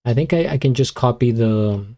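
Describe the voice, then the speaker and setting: A man streaming live, chatting casually and muttering to himself as he fiddles with his streaming software. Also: mid-range voice, moderate pace. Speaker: beatbox streamer.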